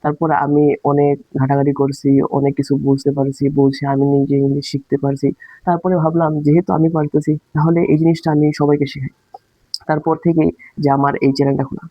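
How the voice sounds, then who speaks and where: A man's voice: fairly high pitch, completely flat delivery, quick pace, no room sound, lo-fi sound. A man giving a casual spoken English lesson, explaining with rhetorical questions and sounding out letters aloud. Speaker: English teacher.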